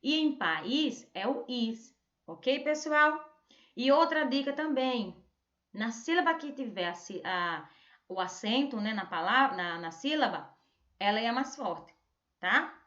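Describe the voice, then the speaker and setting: A Brazilian woman teaching a remote lesson, drawing out words slowly to show stressed syllables. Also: on the high side, expressive, a bit bright. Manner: slow, drawn-out word modelling with stressed syllables. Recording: echoey room, dull lo-fi sound.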